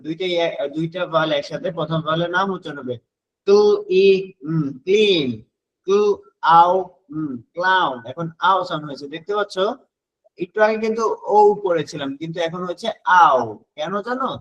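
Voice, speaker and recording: A man teaching a phonics lesson to children, sounding out letters slowly syllable by syllable and asking and answering his own questions. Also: on the high side, fairly bright tone, poor audio.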